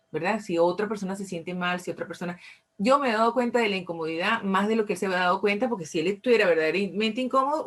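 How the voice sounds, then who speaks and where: Venezuelan woman, fifties, mid-pitched, casual storytelling, restarts and self-corrections. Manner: conversational, acts out dialogue with frequent self-corrections. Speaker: recovery group speaker. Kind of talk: informal talk sharing a personal story.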